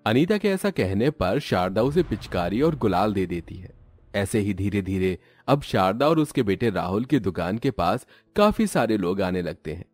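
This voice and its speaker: A man narrating a cartoon horror story in an expressive, scripted storytelling style. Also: fairly low pitch, normal speed, no room sound, faint music behind.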